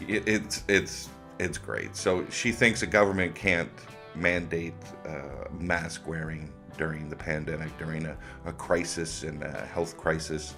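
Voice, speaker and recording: A man's voice: a bass voice, fairly even intonation, a little slow, a bit bright, faint music behind. A man hosting comic reaction commentary in a sarcastic, mocking way. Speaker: host of a commentary video.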